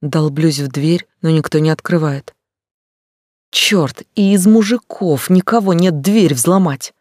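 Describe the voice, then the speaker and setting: A reader narrating a dramatic first-person story with urgent feeling. The voice sits at a middle pitch and is recorded dry and close, with no room echo. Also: unhurried, darkish tone. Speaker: audiobook narrator.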